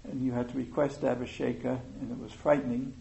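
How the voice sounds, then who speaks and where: A man giving an informal meditation talk, speaking slowly and thoughtfully with many pauses and fillers. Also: medium pitch, little pitch movement, creaky, warm tone, lo-fi sound. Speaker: meditation teacher.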